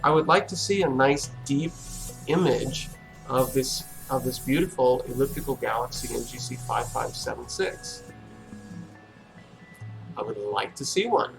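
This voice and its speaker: A man hosting a casual livestream, thinking aloud in a relaxed, musing way with many fillers. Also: mid-range voice, unhurried, creaky, soft background music, rough recording. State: relaxed and yawning. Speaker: livestream host.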